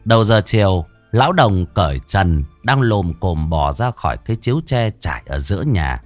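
A man narrating a story in a lively, expressive way into a close mic. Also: low voice, normal speed, no room sound, soft background music.

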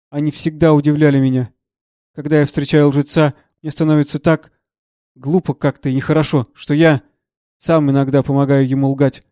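A man reading the part of a troubled, gentle elderly professor who speaks earnestly and with agitation. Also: fairly high pitch, no room sound, studio quality, natural voice.

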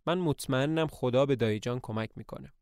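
A man's voice: medium pitch, darkish tone, clear, resonant tone, dry recording, clean studio sound, close to an everyday voice. A man reading aloud voices an earnest, tense young woman who runs the household. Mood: reassuring.

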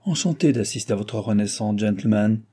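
A man's voice: lowish voice, fairly quick, dark tone, husky. A man voicing a tall, bony American doctor who speaks French with a guttural foreign accent, placid but firm and grumbling. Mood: placid, reassuring.

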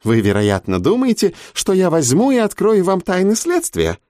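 A man's voice: medium pitch, sing-song, darkish tone, dry recording, studio quality, voice pushed up, close to an everyday voice. A man voicing a mocking male interrogator who drags out his bureaucratic phrases. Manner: mocking, drawn-out officialese.

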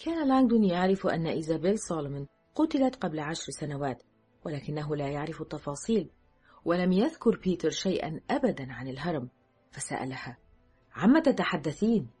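A woman narrating an audiobook in a measured, steady storytelling manner. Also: low-pitched, husky, faint music behind.

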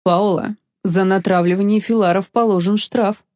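A woman reading an audiobook voices a calm, firm male investigator who speaks with weight. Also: mid-range voice, moderate pace, no room sound, studio quality, close to an everyday voice. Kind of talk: audiobook character voice.

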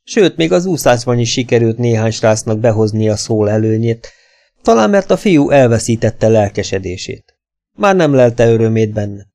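A man narrating an audiobook in a steady, measured reading voice. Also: fairly low pitch.

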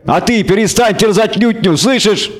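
A man voicing a nervous, indignant male bard who shouts at his captors. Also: high-pitched, moderate pace, voice pushed up, natural voice. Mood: indignant alarm.

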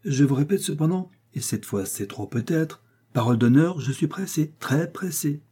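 A man's voice: on the high side, animated, moderate pace, dark tone, husky, voice pushed up. A man reading an audiobook, voicing a hot-headed young male swordsman who speaks with impatience and indignation. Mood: flustered.

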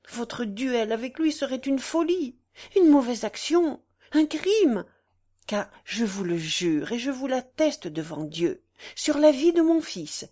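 A woman's voice: lowish voice, darkish tone, pitched below the performer's own voice. A woman reading the part of a young wife defending herself, with pleading, earnest delivery. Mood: forceful.

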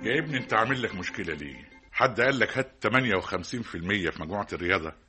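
A man's voice: fairly low pitch, animated, rapid-fire, music in the background, close to an everyday voice. An actor with an Egyptian accent playing a stern, hardworking middle-aged father who lectures his son with rhetorical repetition, in a classic radio drama. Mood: reproachful. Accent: Egyptian Arabic.

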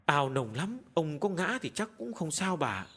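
A man's voice: a little high, very animated, a little slow, a bit bright, slightly rough, exaggerated voice. A man voicing a timid young female servant who stammers and speaks deferentially, in an audio storybook. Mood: nervous.

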